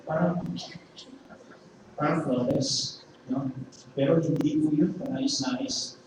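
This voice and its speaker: A man's voice: on the high side, takes it slowly. A man with a Filipino accent preaching a sermon in a chatty way, often checking in with the congregation with little tag questions. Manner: conversational, peppered with "okay?" and "no?" tag questions. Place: large church hall. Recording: echoey hall, mic at a distance, noisy live stream.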